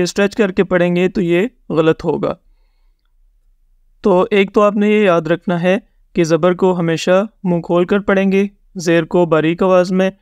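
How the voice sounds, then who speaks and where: Male teacher for a beginner reading lesson. High, smooth voice, dry close sound. Patient, repeats rules, sounds out examples slowly. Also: a little mellow, no echo, dull audio. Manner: patient, repeats each point and checks in often; mixes English words into his teaching. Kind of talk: step-by-step recorded lesson.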